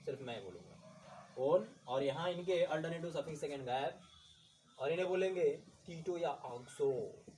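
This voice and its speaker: A man teaching chemistry in a slow lecture, repeating each term and talking to his students as kids. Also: a little high, mellow. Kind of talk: blackboard lecture. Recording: distant mic with faint background noise.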